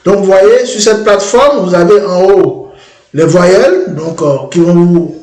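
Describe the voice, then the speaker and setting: In a screen-demo tutorial, a man walks through a language-learning app, speaking haltingly and frequently restarting and repeating words. His voice is high with a darkish tone, and the sound is roomy.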